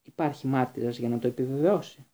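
A man's voice: medium pitch, dark tone, natural voice. A man reading aloud and voicing a stern, sneering male professor who interrogates coldly. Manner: sardonic, interrogating.

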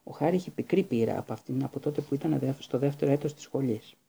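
Male audiobook narrator; measured, husky, very dark tone. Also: mid-range voice. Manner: calm, measured storytelling. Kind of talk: scripted narration.

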